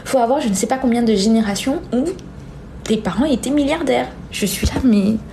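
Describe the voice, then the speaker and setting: Hosting a live stream, a young woman reads comments aloud and replies in a hesitant, trailing way. Her voice is mellow, soft-edged, a little high, and gravelly, her pace brisk, and faint noise sits behind her.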